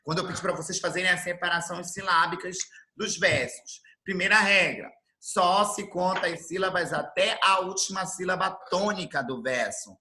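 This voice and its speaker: A man from Brazil teaching an online class, explaining things slowly and repeating his definitions. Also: sits high, bright, forceful tone. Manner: slow, didactic, repeats definitions. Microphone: computer mic on video call.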